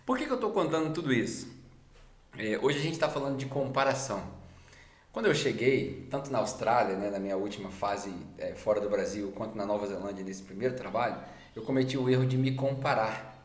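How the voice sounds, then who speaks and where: A man's voice: medium pitch, animated, brisk. Brazilian man telling stories in a roomy space. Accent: Brazilian Portuguese. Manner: casual, conversational, acts out quoted dialogue. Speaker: podcast host. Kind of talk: reflective personal storytelling. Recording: roomy echo.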